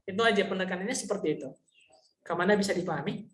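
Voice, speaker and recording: A woman teaching a casual online Mandarin lesson, explaining patiently, saying example sentences slowly and often checking whether her students understand. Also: medium pitch, echoey room, a little hiss or hum.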